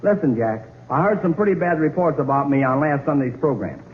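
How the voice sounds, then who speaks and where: Casting: American male bandleader for 1930s AM radio comedy, slightly high voice on a thin signal. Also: expressive, a little fast. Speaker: orchestra leader in comedy sketch. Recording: tinny, hissy 1930s AM radio.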